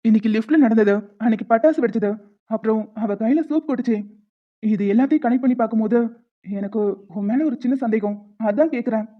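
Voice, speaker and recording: A woman voicing characters in an animated story, talking in an earnest, reasoning way. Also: a little high, fast. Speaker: narrator voicing the male lead and others. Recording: tinny phone-like sound.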